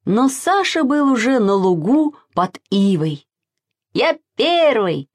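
A woman narrating a children's storybook in an expressive, sing-song way. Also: fairly high pitch, a little slow.

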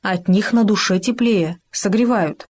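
A woman voicing a small, clever male hamster, speaking in a squeaky, innocent and patient way in a storybook reading. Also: unhurried, close to an everyday voice. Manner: calm, innocent, explaining patiently.

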